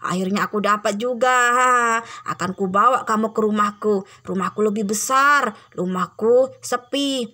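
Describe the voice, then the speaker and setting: A woman voicing a huge menacing giant who hunts children, talking slowly and gloating with booming laughs in a cartoon game drama. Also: pushed and bright.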